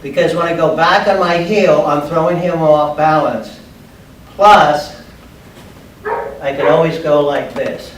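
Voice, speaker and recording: Slow-paced older man in an echoey room. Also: on the high side. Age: older, about 60s. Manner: short, plain, step-by-step phrases. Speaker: judo instructor. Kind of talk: instructional demonstration. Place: large bare padded indoor training room. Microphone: distant camera microphone. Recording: echoey room, far microphone, background noise.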